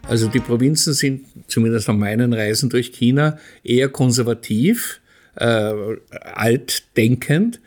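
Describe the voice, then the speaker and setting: A man hosting a podcast interview, calmly laying out his points before asking a question. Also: medium pitch, measured pace, soft background music.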